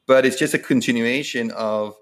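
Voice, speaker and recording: A man's voice: mid-range voice, fairly even intonation, moderate pace. A man from Denmark, hosting an interview and often searching for words and rephrasing mid-sentence. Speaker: interviewer, host. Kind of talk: conversational interview.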